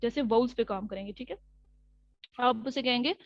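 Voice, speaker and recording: A woman speech pathologist explains treatment techniques in a webinar, her voice set high. She pauses on fillers and keeps checking that listeners follow. The audio is dry and slightly muffled. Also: no room sound. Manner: code-switches English terms into speech. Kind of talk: webinar lecture.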